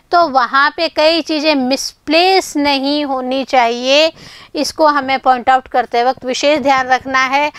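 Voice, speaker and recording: A woman with a high voice teaches English grammar, talking to her students as children and asking questions she answers herself. She reads English lines out slowly and carefully. The sound is dry and close. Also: a bit bright, dry recording. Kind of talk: online grammar lesson.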